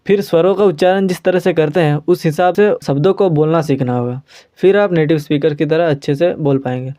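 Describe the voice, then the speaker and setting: A man with an Indian accent teaching a language lesson, patiently repeating sounds slowly for learners. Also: fairly high pitch, warm tone.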